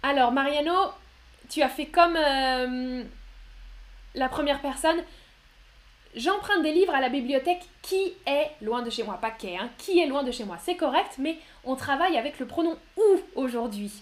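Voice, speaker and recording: A woman's voice: sits high, lively intonation, moderate pace. A woman teaching grammar in a live online lesson, patient and encouraging as she answers viewers one by one. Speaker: French teacher.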